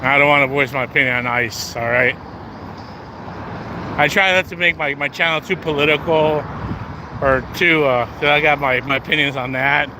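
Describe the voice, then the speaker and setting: Walking a city street in the United States, a man chats straight to his livestream audience, cracking jokes and cursing. He speaks at a moderate pace in a slightly high voice with fairly even intonation, over background traffic and street noise.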